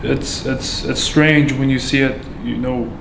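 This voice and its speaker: A man from Afghanistan giving a candid account as a patient, halting and full of fillers and restarts. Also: medium pitch, fairly even intonation, gravelly. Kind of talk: candid personal testimony. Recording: echoey room with background noise.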